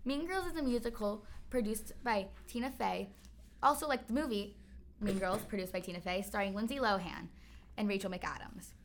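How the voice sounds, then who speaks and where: A woman's voice: mid-range voice, normal speed, slight background noise. A young woman co-hosting a musical theater segment, presenting a summary in an announcer-like, read-out manner. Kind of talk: semi-scripted segment presenting.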